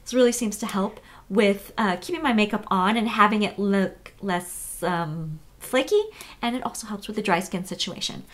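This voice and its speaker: A woman in her thirties from the United States, chatting casually through a beauty tutorial with lots of fillers and quick self-corrections. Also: mid-range voice. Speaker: beauty vlogger.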